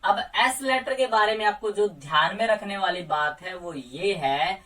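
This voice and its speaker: A male English tutor calmly explains a lesson, pausing on each example word and saying it slowly. He sits a bit back from the microphone, so his voice sounds slightly distant. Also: high voice. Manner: patient, repeats example words slowly. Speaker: English teacher. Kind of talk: explaining silent letters in a lesson. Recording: voice a little far from the mic.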